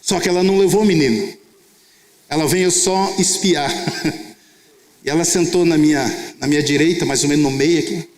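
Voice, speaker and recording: A man's voice: a little high, moderate pace, long pauses. A man preaching a testimony sermon as a pastor, telling the story and acting out both sides of the conversations. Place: conference church hall. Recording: echoey hall sound.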